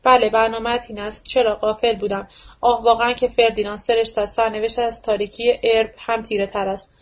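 A woman's voice: on the high side, level tone, natural voice. A woman reading aloud and voicing a theatrical, self-pitying older man who hurls declamatory accusations in a dull lo-fi recording. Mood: accusing.

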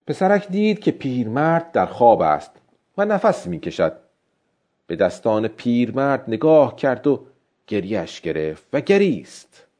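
A man reading a story aloud as an audiobook narrator in a measured, expressive way. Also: lowish voice, muffled recording.

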